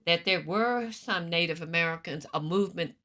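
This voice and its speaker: Low, bright-voiced woman host. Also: normal speed. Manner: directive, prompting questions. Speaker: podcast host. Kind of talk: interviewing.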